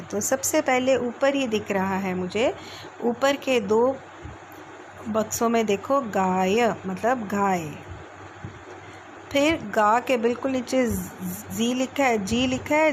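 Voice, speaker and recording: Woman schoolteacher, unhurried lesson delivery, drawn-out sounds, noisy recording with vehicles passing. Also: medium pitch. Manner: slow, drawn-out sounding of letters and words. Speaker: school teacher. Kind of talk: recorded Hindi language lesson for children. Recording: clear background noise with passing vehicles.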